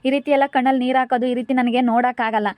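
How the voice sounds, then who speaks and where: A woman's voice: high-pitched, level tone, rapid-fire, a little mellow, dry recording, close to an everyday voice. A woman with a rural central Karnataka Kannada accent playing a devoted younger sister who pleads insistently with her crying elder sister, in an amateur village drama. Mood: pleading.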